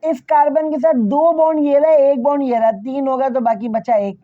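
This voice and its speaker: A man's voice: very high voice, fairly even intonation, moderate pace, no echo, narrow, tinny audio. A man teaching a chemistry lesson, asking questions and answering them himself, repeating key points and speaking straight to his students. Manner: repeats key phrases, addresses students directly. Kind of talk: classroom lecture.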